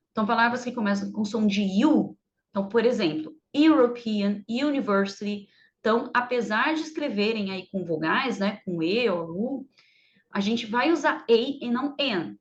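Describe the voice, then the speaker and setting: A woman teacher explaining English grammar in a chatty way, drawing out her English examples slowly and clearly. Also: a little high. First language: Portuguese. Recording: slightly dull, lo-fi sound.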